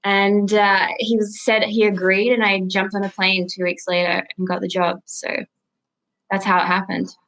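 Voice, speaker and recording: A young adult woman from Australia with an Australian accent, chatting casually as a podcast guest, relaxed and full of ums and likes. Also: medium pitch, moderate pace, poor audio. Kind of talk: casual interview chat.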